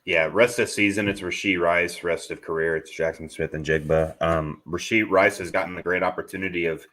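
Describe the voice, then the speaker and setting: A man's voice: low voice, steady tone, fairly quick, a bit bright. A man co-hosting a fantasy football stream, answering at length with frequent restarts and um's. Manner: rambling, with repeated restarts and um's. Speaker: podcast co-host. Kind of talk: casual live Q&A chat.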